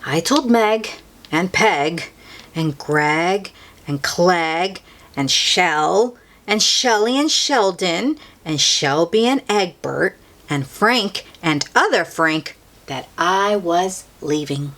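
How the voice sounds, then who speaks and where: Slow, very animated woman reading a storybook. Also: fairly low pitch. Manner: theatrical, deliberate phrasing with drawn-out emphasis. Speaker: read-aloud storyteller. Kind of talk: expressive children's picture-book read-aloud.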